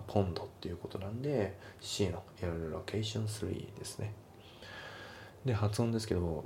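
A man walks through a test-prep English lesson in a methodical way, repeating each pronunciation contrast. His voice sits very low with a gravelly fry, and his tone is dark and mellow. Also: a little hiss or hum. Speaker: English teacher.

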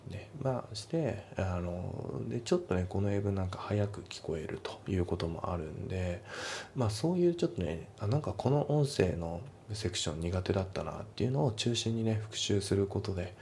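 A man walks through a test-prep English lesson in a methodical way, repeating each pronunciation contrast. His voice sits very low with a gravelly fry, and his tone is dark and mellow. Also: expressive, moderate pace, slight background noise. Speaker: English teacher.

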